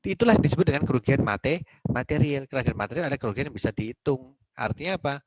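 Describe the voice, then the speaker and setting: A man's voice: mid-range voice, lively intonation, fast talker, no room sound, low-quality recording. A man giving a university law lecture in a conversational way, asking and answering his own questions and acting out little dialogues.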